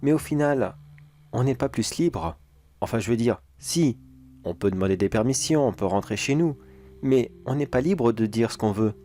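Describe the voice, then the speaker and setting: A man's voice: mid-range voice, lively intonation, moderate pace, mellow, slight background noise, lightly acted. A man playing a casual, self-assured security major in a horror audio drama, musing aloud and talking to himself. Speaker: security agent.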